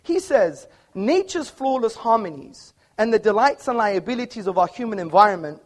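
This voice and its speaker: A man's voice: high-pitched, sing-song, moderate pace. A man giving an argumentative opening speech in a formal debate, speaking on stage in an auditorium before a live audience. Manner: emphatic, argumentative, quoting books.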